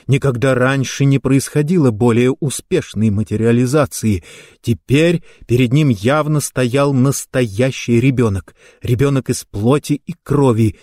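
Slow, measured male story narrator. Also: mid-range voice, dry recording, studio quality. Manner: slow, measured, even reading. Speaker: audiobook narrator.

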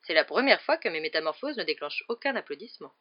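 A stern older teacher woman, as an audiobook reader puts her on scolds in a brisk, reproachful way. The recording is dull and lo-fi. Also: mid-range voice, big pitch swings.

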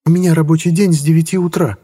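A cold, sarcastic businesswoman with a raised, husky voice, as a male audiobook reader puts her on. She speaks coolly and with biting irony. The tone stays dark and mellow despite the lift. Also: fairly high pitch, fairly even intonation, quick pace, pitched above the performer's own voice. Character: cool sharp-tongued businesswoman.

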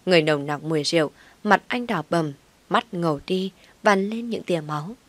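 A woman narrating a family drama story in expressive audiobook style. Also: on the low side, moderate pace, no room sound.

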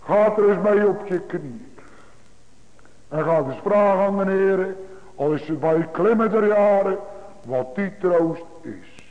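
A man's voice: sits high, expressive, takes it slowly. A male pastor preaching a sermon to his congregation, with emphatic, repetitive phrasing. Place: church. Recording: tinny phone-like broadcast in a large reverberant church.

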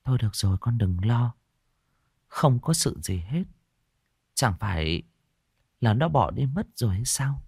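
A man voicing a calm middle-aged village wise woman who speaks politely and soothingly, in a told ghost story. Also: mid-range voice, normal speed, long pauses, no room sound, clean studio sound, pitched above the performer's own voice.

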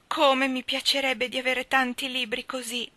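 A woman's voice: high-pitched, little pitch movement, normal speed, pushed and bright, no room sound, voice pushed up. A woman doing a spirited clever little girl. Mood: eager. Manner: eager, defiant.

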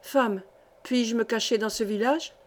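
A woman reading aloud and voicing a starving young male rebel who speaks in a hushed, breathless way. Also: on the high side, a little slow. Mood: desperate.

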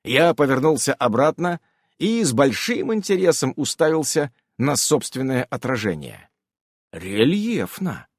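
A man narrating a fantasy audiobook in a wry, animated storytelling manner. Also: medium pitch, a little slow, dry recording, studio quality.

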